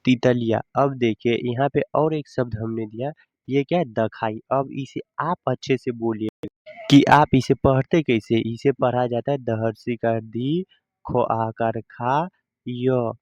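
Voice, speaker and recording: A man teaching a reading lesson, slowly explaining each word and answering his own questions. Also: mid-range voice, fairly even intonation, a little mellow, no echo, muffled recording.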